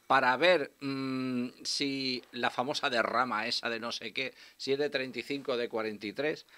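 A man's voice: medium pitch, moderate pace. A man in his sixties hosting a radio show, delivering a sardonic, swearing comic monologue and bantering with a guest in a small studio. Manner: sardonic, animated, swears freely. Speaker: radio host. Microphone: studio mic with headphones.

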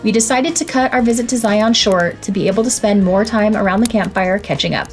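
A woman reads a scripted travel voice-over in a calm, informative, guide-like way. Her voice sits at an ordinary middle pitch, and soft music plays faintly under her. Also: fairly quick. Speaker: travel vlogger narrating a road trip.

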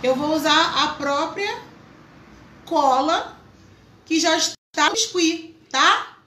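Female craft host, high and bright, chatty, in an echoey room. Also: lively intonation, takes it slowly, a little hiss or hum. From Brazil. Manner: chatty, greets viewers by name. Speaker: craft teacher, live stream host. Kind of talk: live craft tutorial.

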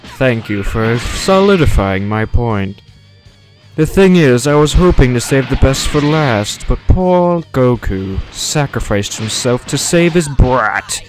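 A man acts out a smug monster villain in a cartoon impression voice. The delivery is slow, pompous and coldly condescending, with faint game music underneath. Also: mid-range voice, animated.

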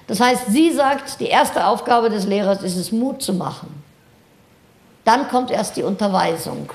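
A woman in her sixties giving a seminar lecture, retelling a story in a lively, animated way with asides to her audience. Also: medium pitch, a little slow. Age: 60s. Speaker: seminar speaker. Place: seminar hall. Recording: roomy seminar hall.

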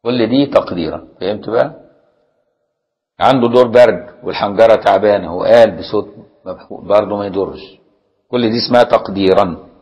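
A man with an Egyptian accent teaching Islamic jurisprudence in a religious lesson. He reads a classical text, then explains it in everyday speech and keeps asking his students whether it is clear. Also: on the low side, fairly quick, a little mellow, rough recording. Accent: Egyptian Arabic. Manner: explains plainly, often asks listeners if it is clear.

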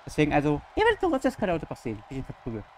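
A woman doing excitable gameplay commentary as a YouTuber, cheering on her wrestler and swearing bluntly. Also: low voice, racing, slight background noise, low-quality recording. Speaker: gaming YouTuber.

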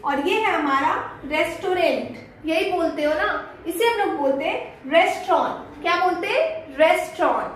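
A woman with an Indian accent teaching English pronunciation, saying example sentences slowly and asking her viewers to repeat the words. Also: very high voice, animated, a bit bright. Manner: slow, drawn-out example sentences with repeated quiz questions. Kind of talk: pronunciation lesson. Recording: very echoey room, faint noise.

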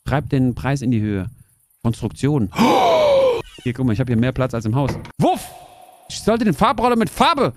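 A woman streaming a simulator game, chatting excitedly and joking with her viewers. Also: extremely low pitch, normal speed, a little hiss or hum. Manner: excitable, jokey, talks to viewers. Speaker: gaming streamer. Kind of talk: casual gameplay commentary.

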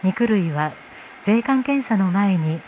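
A female flight attendant makes a formal announcement over the aircraft PA, speaking slowly and expressively in a mid-range voice. The sound is tinny and noisy, with the hum of the cabin in the background.

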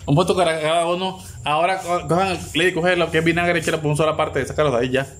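A man hosting party games at home, urgently cheering players on with rapid, repeated urging and laughter. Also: fairly high pitch, fairly even intonation. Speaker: host running family party games. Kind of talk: excited play-by-play commentary. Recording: noisy home recording.

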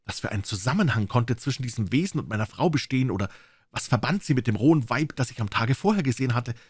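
A man narrates a classic detective story in the first person, giving it dramatic weight. His voice is mid-pitched and somewhat husky. The recording is dry and close, with no room sound. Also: sing-song, quick pace, no echo. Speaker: audiobook reader.

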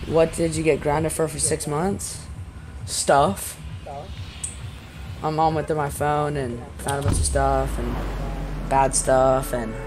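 Excitable teen boy streaming games. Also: on the high side, slow, pauses often. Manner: excitable, rambling gamer banter. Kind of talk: casual gaming stream chat. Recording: noisy home gaming stream.

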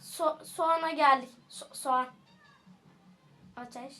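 A woman giving casual gameplay commentary as a streamer, jokey and excitable, teasing the enemies with sudden shouts. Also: high-pitched, slow pace, faint music behind. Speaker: gaming streamer.

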